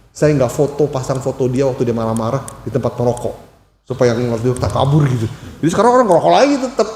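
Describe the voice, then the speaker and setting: A man's voice: mid-range voice, dark tone, slight background noise. A man giving a casual sermon as a Buddhist lay preacher, telling chatty stories and acting out the dialogue in livelier voices. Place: temple hall. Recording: echoey hall reverb.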